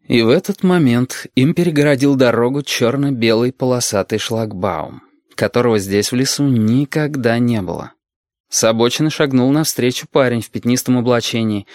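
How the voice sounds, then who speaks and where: A man narrating an audiobook at a steady, even pace, in a mid-pitched voice. The recording is dry and close-miked, with no room echo. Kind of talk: audiobook reading.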